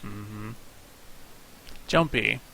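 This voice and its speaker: A man's voice: on the low side, drawn-out words, vocal fry, sharp tone, slight background noise, poor audio. A man streaming, reading a game's story aloud with wry asides. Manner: wry asides between narration. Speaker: streamer reading a visual novel. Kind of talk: reading aloud with casual commentary.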